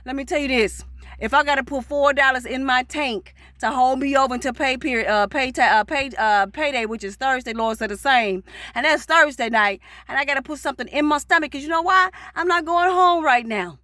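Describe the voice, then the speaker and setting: A woman, vlogging casually and rushing through encouraging, preachy talk to her viewers. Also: high voice, bright, forceful tone, no echo, studio quality. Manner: rushed, fast-talking, preachy encouragement.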